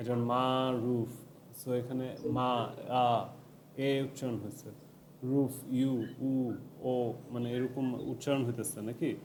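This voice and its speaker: A man's voice: mid-range voice, flat delivery, a little slow, dark tone, slight background noise. A man giving a casual IELTS tutoring lecture, mixing English tips into loose, chatty explanations with many fillers.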